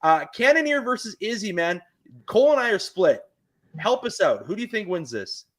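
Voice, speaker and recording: A man's voice: high-pitched, big pitch swings, moderate pace, fairly bright tone. A man with a Canadian accent hosting a podcast, talking fights in an eager, rambling way. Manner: eager, rambling fan talk. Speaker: podcast host. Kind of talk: casual sports chat.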